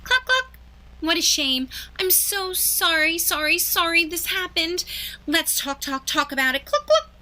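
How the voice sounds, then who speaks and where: Woman playing a high, bright, clucking storybook hen who fusses and repeats herself. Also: big pitch swings, a little slow, full character voice. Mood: fussing. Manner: fretful, repeats words. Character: fussy, flustered clucking hen.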